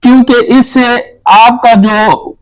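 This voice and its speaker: A man acting as spiritual teacher, giving a religious talk and earnestly urging his listeners in slow, emphatic phrases. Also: extremely high pitch, flat delivery, poor audio.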